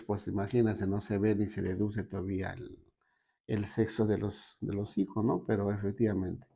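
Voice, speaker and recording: A man giving a personal testimony, halting, with frequent fillers and tag questions. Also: on the low side, creaky, warm tone, lo-fi sound. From Peru. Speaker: testimony giver.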